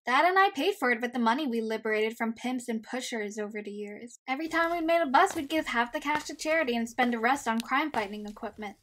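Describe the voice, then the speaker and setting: A woman acting as a young girl vigilante in a comic dub. Her voice is high, and she talks in a blunt, confident, bossy and foul-mouthed way. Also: expressive, fast, hardly any pauses, a bit bright, slight background noise. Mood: proud. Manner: confident, blunt, matter-of-fact.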